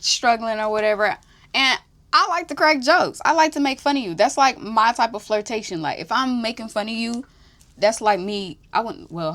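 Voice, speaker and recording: A young woman from Houston hosting a podcast, telling a casual story in an animated, slangy, profane way with frequent laughs. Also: on the high side. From Houston, Texas. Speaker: podcast host.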